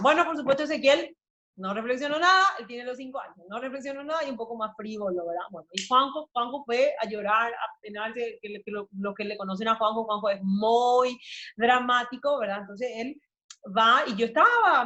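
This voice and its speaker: A woman with a somewhat high voice gives a devotional lesson to a women's group. She talks in a chatty, conversational way, with frequent fillers and tag questions. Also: a bit bright. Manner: conversational, often adds "¿verdad?", many fillers. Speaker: women's discipleship teacher. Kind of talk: devotional teaching with a family anecdote.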